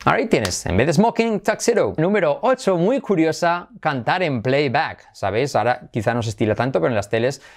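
A man's voice: a little fast, hardly any pauses. Spanish guy from spain teaching english online, middle-aged, playful, voice jumps way up for emphasis. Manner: lively, playful, swings high for emphasis and laughs. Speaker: English teacher, channel host.

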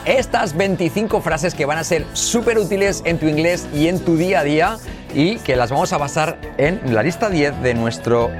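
Energetic man drilling English phrases. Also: on the high side. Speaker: English teacher, channel host. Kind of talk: podcast lesson in Spanish.

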